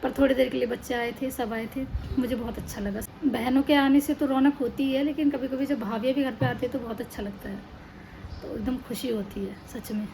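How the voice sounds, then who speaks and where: A woman's voice: fairly high pitch, steady tone, a little fast. A tired young woman chatting in a casual home vlog, talking indoors with children playing and crying nearby. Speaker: vlogger. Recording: noisy home recording.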